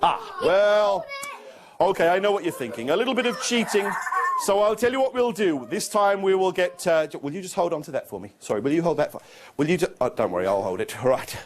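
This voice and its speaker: Casting: male kids' party magician, playful live patter, very animated delivery, noisy room recording. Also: sits high, a little fast. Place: live performance before an audience of children.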